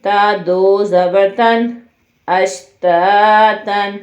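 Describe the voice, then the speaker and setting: A woman teaching Quran reading. She spells out each letter and vowel mark slowly, then blends them into the whole word. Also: mid-range voice, steady tone. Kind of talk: slow syllable-by-syllable drill with spoken explanations. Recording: muffled, echoey room.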